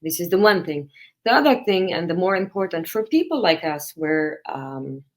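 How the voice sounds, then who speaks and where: A woman's voice: lowish voice, sing-song, normal speed. A woman novelist, speaking hesitantly with many fillers in a recorded interview. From Palestinian citizen of Israel. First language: Arabic.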